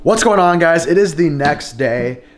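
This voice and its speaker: A young man hosting an outdoor fishing vlog, talking in a chatty, upbeat and excitable way into an action camera. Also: fairly high pitch, unhurried. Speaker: host. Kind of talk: casual outdoor vlog narration. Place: ice fishing shelter and open frozen lake, later a home kitchen. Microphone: handheld or body-worn action camera.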